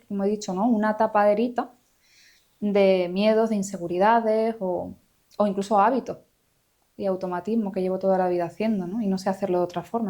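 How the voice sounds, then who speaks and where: A woman speaks as a psychologist guest in a podcast interview. She talks in a reflective, explanatory way, at a medium pitch, pausing on fillers and tag questions as she works through her points. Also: a little mellow. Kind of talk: conversational interview.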